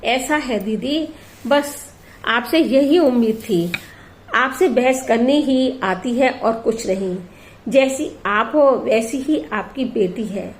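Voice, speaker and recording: A woman reading aloud as a sharp-tongued, stingy sister-in-law in a storybook tale, lecturing and scolding. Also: fairly high pitch, slow, slight background noise. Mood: cold. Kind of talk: storybook reading with character voices.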